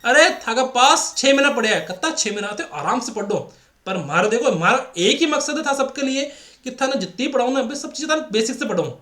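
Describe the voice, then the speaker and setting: A man's voice: very high voice, expressive, a little fast, sharp tone, reverberant. A man teaching a maths lesson in a chatty, repetitive way, often asking rhetorical questions. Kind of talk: casual classroom lecture.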